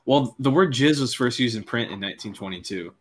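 A man's voice: medium pitch, expressive, brisk. A man on a podcast, chatting casually and reading out facts in a dry way. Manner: dry, reads facts out, laughs often. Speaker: podcast co-host. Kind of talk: casual chat.

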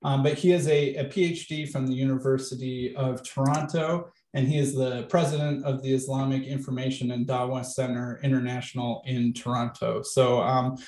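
Male YouTube host, flat casual delivery, echoey room. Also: medium pitch, moderate pace, few pauses. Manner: casual, filler-heavy questions. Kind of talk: interviewing a guest on a video call. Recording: roomy echo.

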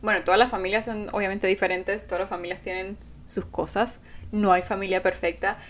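This fairly quick, medium-pitched voice belongs to a woman from Venezuela who co-hosts a laid-back couple podcast. She talks with earnest animation and performs the quoted speech of others, over slight background noise.

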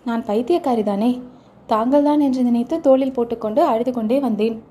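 A woman's voice: a little high, steady tone, fast, dark tone, a little hiss or hum, natural voice. A woman voicing a fierce skull-cult hermit woman with a hard, harsh voice in a storybook reading.

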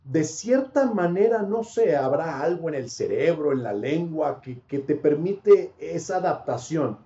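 A man's voice: on the high side, animated, unhurried, warm tone. A man from Panama, a sports commentator, chatting reflectively in an interview and laughing often. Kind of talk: casual interview chat. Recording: dull lo-fi sound in an echoey room.

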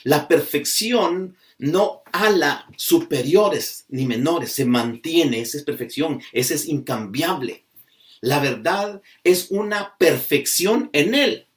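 A man preaching a sermon, slow and emphatic, stretching out key words as he drives a point home. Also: fairly high pitch, expressive. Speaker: pastor. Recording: voice from a distance off the mic.

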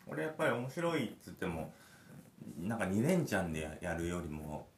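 Man, low voice, lively intonation, casual podcast chat, rambling with fillers, echoey room. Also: brisk, slight background noise. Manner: rambling storytelling with frequent fillers. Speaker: podcast host. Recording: roomy echo.

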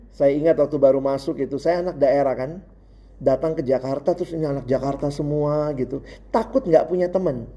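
A young adult man preaching a sermon, telling stories with energy and acting out his friends' lines. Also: a little high. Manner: lively storytelling, acts out quoted friends, laughs along.

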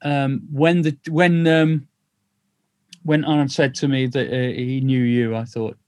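Hosting an interview by video call, an Englishman in his sixties with a Northern accent rambles and chats, quick to laugh though flat in delivery. His voice sits at a medium pitch and there is no room sound.

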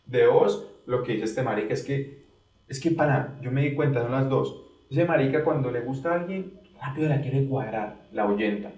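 A man's voice: mid-range voice, moderate pace, darkish tone. A young man co-hosting a casual podcast chat, slangy and loose, explaining things through examples. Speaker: podcast co-host. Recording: roomy sound, mic at a distance.

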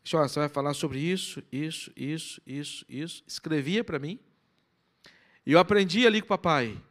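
A Brazilian man preaching a sermon, telling a personal story that swings between loud excitement and hushed, low passages. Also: a little fast. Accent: Brazilian Portuguese. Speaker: pastor.

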